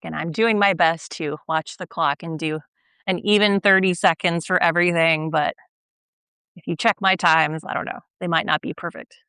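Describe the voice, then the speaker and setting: A young woman guiding a stretching routine, gentle and patient, often checking in with the listener and a little out of breath as she stretches along. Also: fairly low pitch, steady tone, normal speed, clear, resonant tone, no echo. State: slightly out of breath while stretching. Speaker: stretching instructor. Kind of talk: guided exercise instruction.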